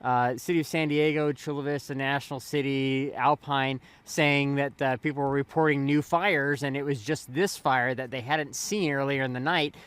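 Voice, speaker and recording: A man's voice: mid-range voice, steady tone, normal speed, few pauses, fairly bright tone, clear, resonant tone. A man reporting live from outdoors at night, casually describing a wildfire while he films it. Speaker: news tracker reporter. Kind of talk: live breaking news report.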